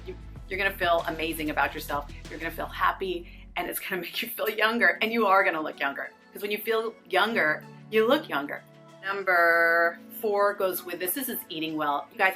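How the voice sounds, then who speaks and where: Speaking directly to camera, a fifty-something fitness and lifestyle YouTuber keeps things casual, upbeat and encouraging for her viewers. She has a bright, pushed voice at a medium pitch.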